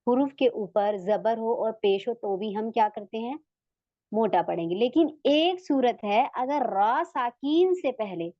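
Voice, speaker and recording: Woman, Urdu accent, recitation teacher; slow deliberate lesson delivery, dry dull lo-fi sound. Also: fairly high pitch, expressive, no echo. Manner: patient, repeats example words slowly. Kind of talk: slow step-by-step tajweed lesson.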